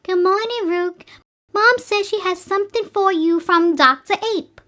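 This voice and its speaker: A man's voice: very high-pitched, unhurried, sharp tone, voice pushed up, full character voice. A man voicing a sweet, sassy young girl in an audio story, speaking cheerfully. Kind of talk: storybook character voice.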